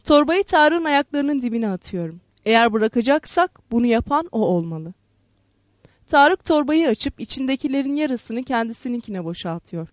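A woman reading a literary novel aloud in a measured, expressive way. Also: fairly high pitch, dry recording, studio quality. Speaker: narrator. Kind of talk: literary audiobook narration.

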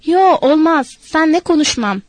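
A woman voicing a huge, simple-minded, childlike man who speaks in a plaintive, halting way for an audiobook. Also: high-pitched, animated, no room sound, voice pushed up. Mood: sullen. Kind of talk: audiobook character voice.

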